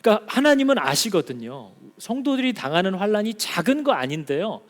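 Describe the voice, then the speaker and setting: A male pastor preaching a Sunday sermon in a church, acting out God's words in lively direct speech. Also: sits high, brisk, big-room sound. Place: church in Auckland.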